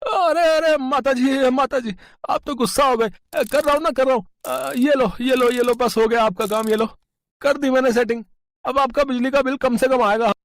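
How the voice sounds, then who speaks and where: Man doing a cheeky high-pitched electrician. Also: steady tone, normal speed, no room sound, studio quality. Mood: wheedling. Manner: laughing, wheedling, smooth-talking. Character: cheeky young male electrician.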